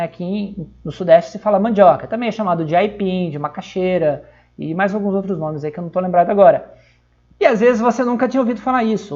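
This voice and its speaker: A man's voice: sits high, a little mellow, muffled recording. Chatty São man teaching online. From São Paulo, Brazil. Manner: chatty, checks in constantly with tag questions. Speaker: English teacher. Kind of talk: live-streamed online lesson.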